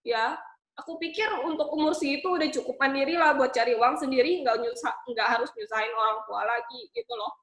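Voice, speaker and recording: A woman in her twenties from Bangka tells her own story in a high voice. She speaks with emotion and often stops on fillers. The room around her has a noticeable echo. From Bangka, Indonesia. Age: 20s. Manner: emotional, halting with many fillers. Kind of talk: personal testimony talk.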